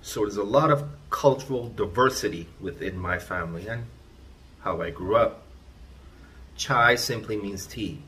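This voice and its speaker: Speaking fairly low, a little slowly, with a bright and forceful tone, this Trinidad and Tobago channel host delivers an emphatic, lecturing monologue. He repeats his points into a phone camera at arm's length, ranting from a small room indoors.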